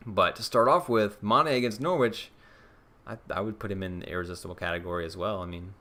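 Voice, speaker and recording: A man's voice: lowish voice, brisk, bright, forceful tone. A young man streaming live, casually thinking aloud and answering viewer questions with plenty of ums and restarts. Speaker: fantasy football streamer.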